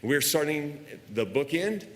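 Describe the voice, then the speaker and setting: A man's voice: a little high, big pitch swings, measured pace, a bit bright. Man preaching in a reverberant church. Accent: American. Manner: conversational teaching, asks the congregation questions. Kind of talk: sermon. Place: church auditorium.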